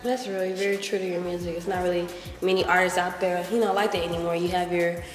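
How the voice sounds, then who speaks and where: A young woman hosting an interview, asking questions in a friendly, relaxed way with casual fillers. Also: fairly low pitch, fast talker. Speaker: interview host. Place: lounge with large windows, indoors. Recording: echoey room with music behind.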